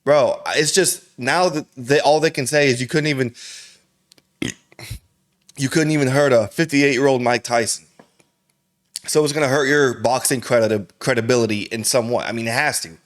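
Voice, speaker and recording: A man's voice: mid-range voice, steady tone, moderate pace, pauses often. A man hosting a reaction video, talking casually in slangy, profane, rambling speech and saying "bro" constantly. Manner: rambling, with frequent restarts.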